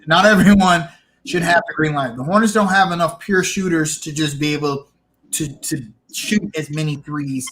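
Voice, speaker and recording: A man co-hosting a casual sports podcast, opinionated and animated, restarting his sentences as he argues. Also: on the high side, normal speed. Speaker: podcast co-host.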